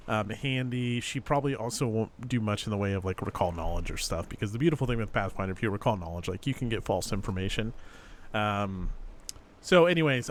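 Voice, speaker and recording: Casual male game master, mid-pitched. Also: slight background noise. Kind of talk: casual tabletop game narration and hosting.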